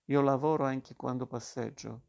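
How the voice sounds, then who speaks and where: A teasing bearded painter in a storybook, read by a man. The voice is gravelly and low-key, with almost no rise and fall, spoken quietly and slowly. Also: fairly even intonation, muffled recording, natural voice. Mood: dry teasing.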